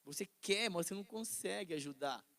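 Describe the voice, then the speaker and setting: A middle-aged Brazilian man teaching an informal Bible class with a fairly high voice. He retells the stories in a lively way and slips into the voices of the people in them. He often turns to his listeners for a quick nod of agreement. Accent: Brazilian Portuguese. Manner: animated storytelling, acts out quoted voices, asks listeners "né?".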